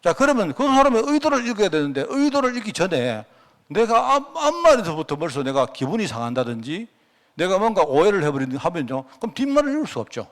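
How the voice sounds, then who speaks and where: Speaking fast in a high-pitched, sing-song voice, this pastor carries a Gyeongsang Korean accent. His sermon feels like a conversation, with frequent questions directed at the congregation.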